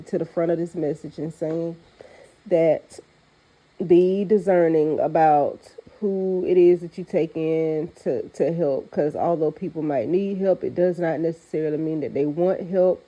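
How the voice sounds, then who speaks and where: A woman speaks with a stuffed-up nose, sounding as if someone is pinching it. Her voice is very dark and on the low side, slightly muffled by a dull recording. She gives earnest spiritual advice in an unscripted, deliberate way. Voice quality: congested, nasal, as if nose pinched. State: congested from recent illness. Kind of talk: spiritual pep talk, speaking off the cuff.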